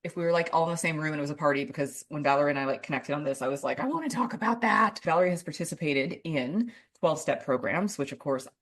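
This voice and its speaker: A low-pitched woman hosting a casual interview podcast. She gushes and chats freely, peppering her sentences with "like". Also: steady tone, fast, few pauses. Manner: effusive, chatty, lots of "like". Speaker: podcast host.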